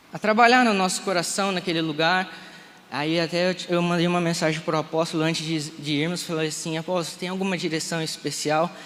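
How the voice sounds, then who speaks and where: A man in his thirties, a Brazilian pastor, tells a heartfelt testimony at a live service and voices each exchange he recalls. His voice sits a bit high for a man. It rings out through a reverberant sanctuary over faint room noise. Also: fairly bright tone. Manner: emotional storytelling, re-enacting dialogue. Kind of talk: live church testimony sermon. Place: church sanctuary.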